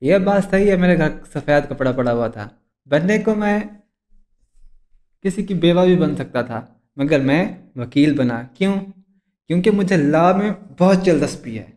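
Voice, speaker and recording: A boastful, bumbling lawyer played by a man, pleased with himself and tripping over his English. His voice sits a little high for a man, and he drags out his English phrases slowly. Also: lively intonation, darkish tone. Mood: smug. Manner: slow, stumbling, self-satisfied English phrases. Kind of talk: comedy sketch.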